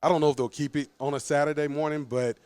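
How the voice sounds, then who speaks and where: Speaking fast in a fairly high, smooth voice with no room sound, this forties-aged head football coach spins lively stories during a laid-back podcast interview, laughing frequently.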